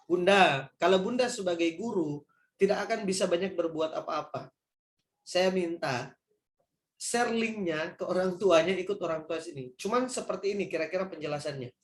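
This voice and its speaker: A man's voice: high-pitched, moderate pace, roomy sound. A man answering parents' questions in an online talk, speaking casually and acting out little scenes. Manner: conversational, acts out scenes for parents. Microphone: video call.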